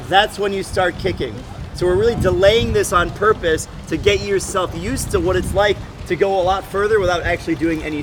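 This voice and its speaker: A man in his thirties coaching a group through a demonstration outdoors at a swimming pool, projecting his instructions. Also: high-pitched. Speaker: swim coach and presenter. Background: background music.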